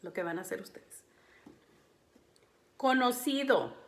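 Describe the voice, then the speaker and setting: A woman teaching a phonics lesson to young children, saying words slowly and syllable by syllable, and often clearing her throat. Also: fairly high pitch, animated. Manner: slow, deliberate, syllable-by-syllable delivery.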